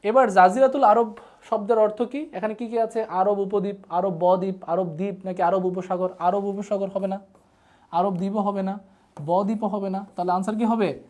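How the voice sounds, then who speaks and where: A high, darkish male voice keeps a steady tone at a moderate pace. He has a Bangladeshi Bengali accent and teaches a live class online, repeatedly drilling terms and prompting viewers to comment.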